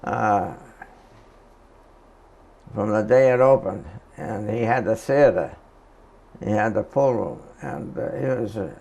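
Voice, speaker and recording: A very old man, recalling the past in a halting, hesitant oral history interview. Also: lowish voice, lively intonation, gravelly, darkish tone, lo-fi sound.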